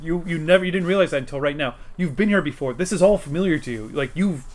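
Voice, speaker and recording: A man's voice: fairly high pitch, fast talker, slight background noise. A man as game master, narrating a tabletop game with emphatic, repetitive phrasing.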